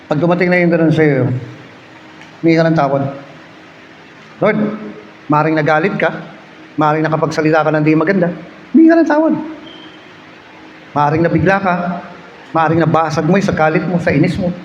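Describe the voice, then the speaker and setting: A high-voiced Filipino man preaches a story-driven sermon in a church hall, dropping to quiet prayer and rising to loud urging. His voice rings through a reverberant room. The recording sounds a little dull, with faint ambience behind. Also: slight background noise. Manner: storytelling, swings between hushed prayer and loud exhortation. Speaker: pastor.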